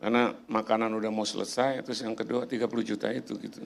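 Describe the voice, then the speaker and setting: There's slight background noise as a middle-aged pastor, speaking quickly with vocal fry and little pitch movement in his lowish voice, narrates a personal story from the pulpit of a church hall. His sermon storytelling is chatty, and he mimics the voices of the people in the tale.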